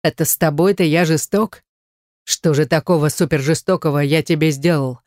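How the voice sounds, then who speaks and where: An audiobook reader voicing an angry ex-husband who speaks in gruff, sarcastic bursts. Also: male voice, a little high, steady tone, moderate pace, darkish tone, no room sound, studio quality, natural voice. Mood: indignant. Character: angry wealthy ex-husband, hot-tempered, blunt. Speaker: audiobook character. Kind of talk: audiobook reading.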